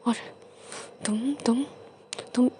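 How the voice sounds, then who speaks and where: A woman's voice: a little high, fairly even intonation, extremely slow, dark tone, a little hiss or hum. A woman voicing a stern, straight-faced male alpha husband who scolds bluntly. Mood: scolding.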